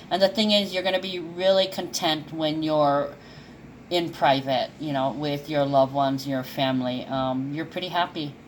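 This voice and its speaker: Low-voiced lady chatting through a horoscope reading, lots of ums and restarts. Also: a little hiss or hum. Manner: rambling with many fillers and restarts; chuckles now and then. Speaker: intuitive astrology reader. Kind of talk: casual monologue.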